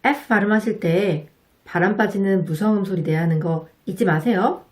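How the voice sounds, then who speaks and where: A woman teaching English pronunciation to Korean speakers, explaining politely and patiently and modeling each sound slowly and clearly. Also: mid-range voice. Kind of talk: slow, careful instructional narration.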